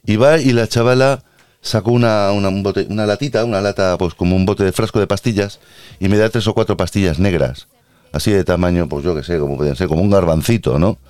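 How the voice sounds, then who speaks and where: Crude, rambling low-voiced man. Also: fairly quick, darkish tone, clear, resonant tone, no room sound. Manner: crude, rambling, self-mocking. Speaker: host. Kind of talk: comic personal monologue.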